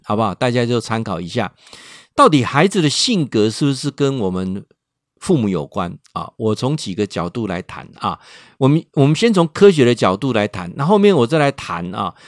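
Man, radio advice host, chatty, very animated pitch, dry close studio sound. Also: no room sound. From Taiwan. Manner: chatty, ends phrases with drawn-out particles. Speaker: professor hosting a radio advice segment. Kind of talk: radio advice talk answering a listener.

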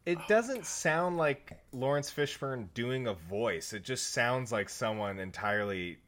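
A man co-hosting a film discussion in a casual, somewhat halting way. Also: mid-range voice, animated, fairly bright tone, slight background noise. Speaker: film podcast co-host. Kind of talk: casual chat.

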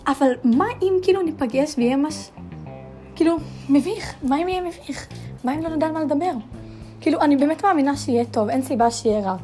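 Young woman rambling on her own podcast, high voice, lots of fillers, faint music behind. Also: mellow. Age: young adult. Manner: chatty, many fillers, dramatic rhetorical questions. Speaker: podcast host. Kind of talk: casual solo podcast rant.

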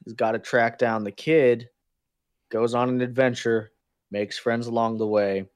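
A man with a mid-range voice chats in a loose, comedic way, often restarting his sentences as he riffs. He sounds animated and playful. The recording is dry and close, with no room echo. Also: mid-range voice, measured pace, clean tone. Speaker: podcast co-host. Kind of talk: casual comedic chat.

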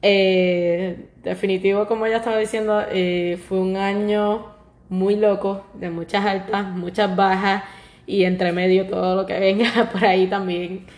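A young woman with a Puerto Rican accent chats easily as a podcast co-host, her voice sitting at an ordinary middle pitch. She laughs often and drops English words into her sentences. The room gives her voice a noticeable echo. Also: level tone, a little slow, a little mellow. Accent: Puerto Rican Spanish. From Puerto Rico. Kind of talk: casual chat. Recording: roomy echo.

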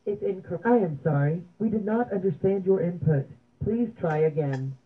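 A woman's recorded voice reading automated phone menu prompts in an even, measured way. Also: fairly low pitch. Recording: tinny phone line.

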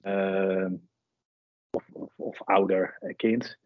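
A man's voice: deep voice, level tone, extremely slow, no room sound. A man hosting a podcast, asking searching questions in a hesitant way, full of fillers. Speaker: podcast host. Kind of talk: casual podcast interview. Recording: dull, muffled audio.

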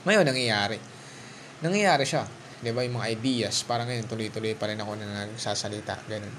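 A man's voice: on the low side, fairly quick, noisy background. Chatty man speaking straight to the listener. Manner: chatty, mixes Tagalog and English, talks straight to the listener. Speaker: vlogger. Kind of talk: casual motivational monologue. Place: his room, alone.

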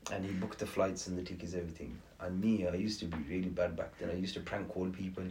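A man's voice: low voice, fast. Young man, casual slangy storyteller, noisy background. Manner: animated, laughing storyteller, slangy. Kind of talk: casual storytelling among friends. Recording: echoey room with background noise.

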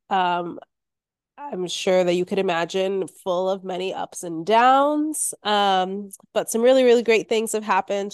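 A woman in her thirties talking casually and candidly as a podcast guest while sick and slightly hoarse. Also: mid-range voice, a little mellow, dry recording, clean studio sound. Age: 30s. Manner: chatty, candid. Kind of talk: casual chat.

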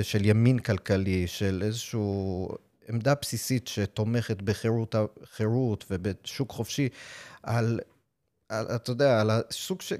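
A man with an American English accent hosts a podcast interview in a fairly low voice. He speaks haltingly, often stretching out hesitations as he builds his sentences. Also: a little mellow. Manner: halting, with frequent drawn-out hesitations. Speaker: podcast host.

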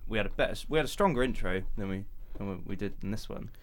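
A man's voice: fairly low pitch, fast. A man in his early twenties with a southern English accent, co-hosting a podcast in casual, sarcastic, sweary chat. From Hertfordshire, England. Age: early 20s. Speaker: podcast co-host. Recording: music playing behind the voice.

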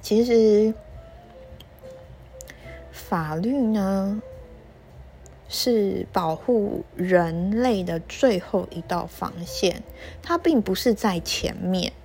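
A woman telling a fable to children and explaining its lesson gently, with pauses. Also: mid-range voice, gravelly. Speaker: storyteller for children. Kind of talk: storytelling to children.

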